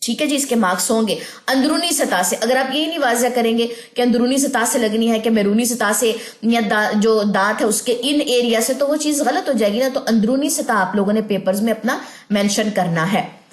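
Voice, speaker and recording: A woman with a fairly high voice teaches a recitation lesson, explaining each point patiently. She draws syllables out slowly when she demonstrates. The room around her sounds echoey. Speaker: tajweed teacher.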